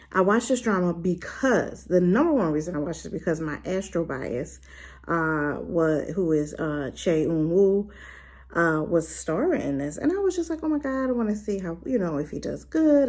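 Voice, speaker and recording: A woman, not a native Korean speaker, casually reviews a drama in a chatty, rambling way packed with fillers and asides. She's animated and uses rhetorical questions, with a fairly low-pitched voice at a moderate pace.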